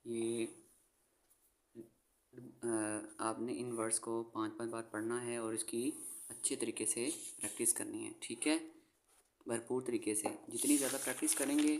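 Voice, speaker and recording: A man's voice: medium pitch, fairly even intonation, normal speed, a little mellow. A male teacher giving a phonics lesson, spelling words out letter by letter and patiently repeating each word twice. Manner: frequent "theek hai" check-ins to the viewer. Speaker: English teacher.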